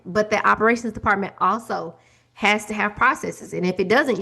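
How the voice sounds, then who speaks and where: A woman's voice: medium pitch, vocal fry, a bit bright. A young woman, hosting a solo business podcast in a chatty, direct way. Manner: chatty, direct, addresses listeners as y'all and friends. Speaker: podcast host.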